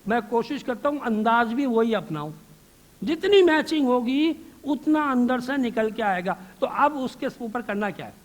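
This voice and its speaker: High-voiced man giving a religious lecture. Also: lively intonation. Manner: asks rhetorical questions and answers them; drops English words into his speech. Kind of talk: Islamic lecture to a live audience. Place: lecture hall with audience.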